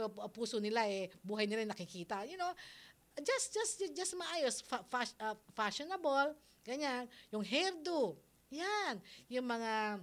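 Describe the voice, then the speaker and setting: A woman's voice: high voice, fairly bright tone. A middle-aged woman, hosting a radio advice show on parenting in a chatty way, mixing English phrases into her talk and laughing easily. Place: radio studio.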